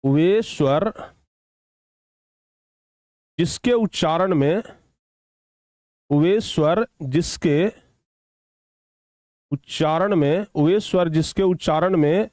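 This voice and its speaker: A man teaching children a grammar lesson, repeating phrases slowly for dictation and often checking whether they have understood. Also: sits high, darkish tone, no room sound, clean studio sound. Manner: slow, repetitive dictation, drawing out words; addresses students affectionately, checks understanding often.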